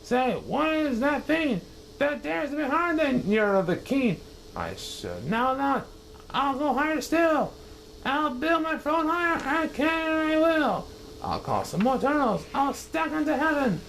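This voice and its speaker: A man's voice: sing-song, a little slow, creaky, a little hiss or hum, full character voice, rough recording. A man doing Yertle, a bragging turtle king. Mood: indignant. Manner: shouting, grandiose, high and strained. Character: pompous boastful male turtle king, bossy.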